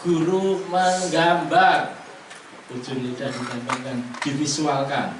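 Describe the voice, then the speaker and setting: Teacher guy, kinda high voice, jokey with his adult students, super echoey room, mic far away. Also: slow pace, noisy background. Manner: animated, teasing, coaxing students. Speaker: Quran reading teacher.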